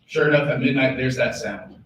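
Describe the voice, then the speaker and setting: A young man telling a long shaggy-dog story to a meeting, with dramatic pauses and repeated lines. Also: medium pitch, a bit bright. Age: young adult. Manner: storytelling with dramatic pauses, acted quotes, repetitions. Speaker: student senator telling a joke. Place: large echoey meeting room. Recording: echoey hall from far off, faint room noise.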